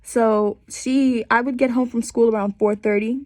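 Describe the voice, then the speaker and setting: Recorded in a small bedroom with no room sound, a student in her twenties tells her own story for a class, her voice thick with a cold. It's a higher, slightly mellow voice with fairly even intonation and a moderate pace. Her delivery is candid and chatty, sprinkled with wry asides.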